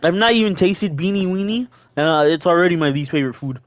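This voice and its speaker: A young adult man co-hosts a podcast, chatting casually in an easygoing, rambling, self-deprecating way. His voice is on the high side, expressive and fast, in a dry, muffled recording.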